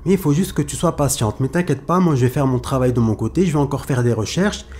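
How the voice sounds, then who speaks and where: A man's voice: medium pitch, expressive, fast talker, a little mellow, lightly acted. A man voicing a proud, protective mother. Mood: comforting. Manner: reassuring, defiant. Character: protective middle-aged mother, proud of her daughter.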